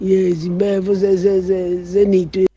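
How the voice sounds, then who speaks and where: A student reads aloud in halting bursts, stumbling and restarting words. His voice is high, husky and mellow. It comes through a dull, muffled connection. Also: completely flat delivery. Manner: halting reading with repeated restarts.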